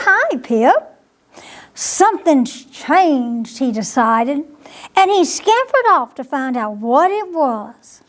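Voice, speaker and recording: At a library storytime, a woman reads a bedtime story for children in a high voice. She goes slowly and expressively, frequently pausing to ask the young listeners a question.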